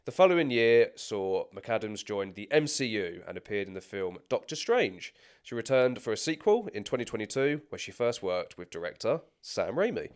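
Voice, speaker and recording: A man's voice: fairly low pitch, very animated, normal speed, clean tone. A man co-hosting a film podcast who chats casually, restarts his sentences and reads out a scripted career rundown. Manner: chatty, stumbling restarts, frequent laughter. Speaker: podcast co-host.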